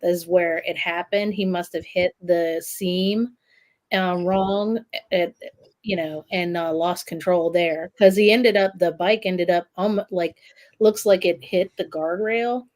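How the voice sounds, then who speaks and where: A woman's voice: fairly low pitch, fairly even intonation, slow, a little mellow. Chatty woman on a livestream. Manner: chatty, adds details, laughs often. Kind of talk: casual livestream chat.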